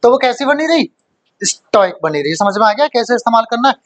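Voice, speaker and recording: A man's voice: very high voice, very animated, brisk, no echo. A male teacher giving a vocabulary lesson, who asks questions and then answers them himself, repeating the key words for emphasis.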